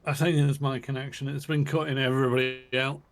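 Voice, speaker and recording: A man's voice: mid-range voice, little pitch movement, fast talker, slight background noise. A man chatting casually over online voice chat in a co-op game, his voice cutting in and out on a bad connection. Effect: online voice chat dropping out, voice cutting in and out. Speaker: co-op game player.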